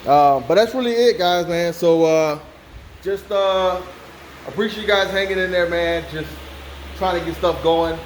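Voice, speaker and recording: This car-build channel host, an American man, speaks at a measured pace in a fairly high voice, captured on a rough recording. Strolling around a hot shop with a fan going loudly in the background, he chats informally and keeps asking "you know what I'm saying."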